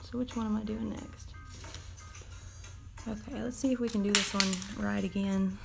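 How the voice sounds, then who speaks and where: A woman's voice: mid-range voice, steady tone, moderate pace, gravelly, over loud music. A woman casually chatting and commenting while livestreaming a mobile game, rambling and swearing now and then, her voice tired late at night. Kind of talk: casual live gameplay commentary.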